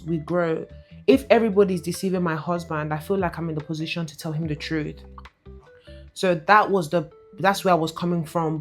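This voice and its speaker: Casting: young woman from London, lowish voice, direct and explanatory, soft guitar under. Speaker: co-host, wife. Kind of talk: casual couple chat. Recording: soft guitar music behind.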